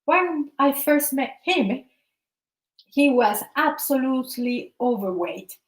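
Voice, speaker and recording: Her voice is high, expressive and slow: a Venezuelan wellness practitioner giving an earnest, impassioned talk about her views, repeating words as she gropes for phrasing. The low-quality recording has an echoey room.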